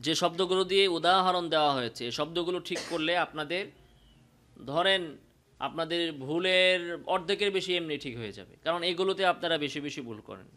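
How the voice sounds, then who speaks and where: Bangladeshi male recitation teacher, high bright voice, unhurried, drawn-out sung examples. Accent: Bangladeshi Bengali. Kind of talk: tajweed pronunciation lesson.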